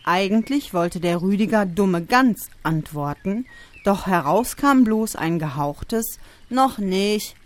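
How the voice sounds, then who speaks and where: Slow expressive storybook narrator, woman. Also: medium pitch. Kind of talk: storybook reading.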